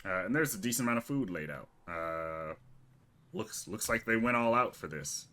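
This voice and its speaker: Brief: deep, bright male game master, loose and chatty narration. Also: expressive, moderate pace. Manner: casual, with frequent restarts and fillers.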